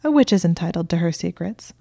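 A woman voicing a prim, sharp-tongued young witch who answers in dry, clipped retorts. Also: lowish voice, animated, quick pace, gravelly, no room sound.

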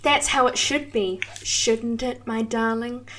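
Woman doing a fond, seductive serpent woman for an audio role-play; breathy high voice, unhurried lines. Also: steady tone, background noise. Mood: longing. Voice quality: breathy, soft and adoring. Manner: slow, lingering and affectionate. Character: doting seductive female snake-woman monster.

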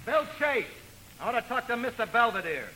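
High-voiced, hot-headed young suitor. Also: male voice, very animated, brisk. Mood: angry, blustering. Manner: blustering, slangy. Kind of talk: 1940s radio comedy acting. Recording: vintage radio broadcast, faint noise.

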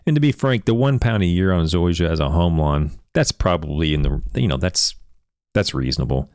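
A man's voice: sits low, lively intonation, a little fast, a little mellow, dry recording, studio quality. A man from Oklahoma hosting a casual podcast interview, reading study details aloud with frequent restarts. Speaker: podcast host. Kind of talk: casual interview about turf research.

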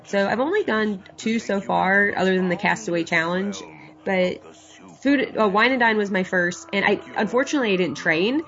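Her mid-range voice is a bit bright and moves at normal speed, but it sounds nasal and stuffed up from a cold. As a podcast co-host she keeps things casual and laughs often, captured in dull lo-fi audio.

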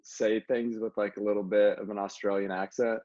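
A man's voice: on the low side, level tone, brisk, warm tone, dry recording. A man hosting a casual podcast, curious and asking follow-up questions. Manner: curious, asks follow-ups. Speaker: podcast host. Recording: dull lo-fi recording.

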